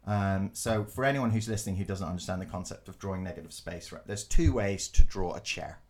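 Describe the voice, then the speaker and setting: Guy on a podcast, lowish voice, tells stories, does little voices, swears and laughs a lot. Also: fairly quick. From Glasgow, Scotland. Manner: animated, acts out quotes, laughs often, swears. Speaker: podcast co-host and design teacher. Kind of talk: casual storytelling chat.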